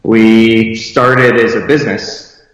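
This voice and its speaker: A man's voice: lowish voice, fairly even intonation, takes it slowly. A man, a photographer and business owner, speaks earnestly on a video-call interview from a conference room so echoey he sounds like he is in a cave. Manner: earnest, thinking aloud with fillers. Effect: cave-like echo of a large empty conference room. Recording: cavernous echo, long hall reverb.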